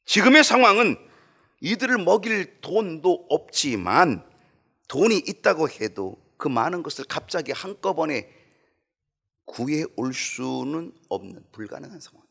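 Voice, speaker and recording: A man delivers a Sunday sermon from the pulpit of a church. His voice is gravelly and sits a little high, and his delivery is animated, rising to loud emphasis and then dropping to a near hush. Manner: animated preaching, quick swings from loud to hushed. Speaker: pastor. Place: church sanctuary.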